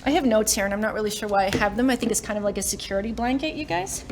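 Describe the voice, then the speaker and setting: A woman in her forties from Canada races through a motivational keynote on a summit stage, her medium-pitched voice set against background noise. Chatty and self-mocking, she often laughs between lines as she talks to the live audience.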